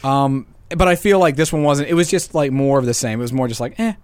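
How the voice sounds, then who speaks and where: A man's voice: medium pitch, fairly quick. A young man co-hosting a college radio show, chatting casually and rambling with plenty of fillers and restarts. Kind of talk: casual on-air chat. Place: radio studio.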